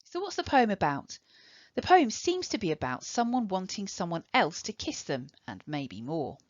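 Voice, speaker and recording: A woman with an English accent teaching a recorded online lesson, giving clear step-by-step instructions. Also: medium pitch, very animated, moderate pace, dry recording, lo-fi sound.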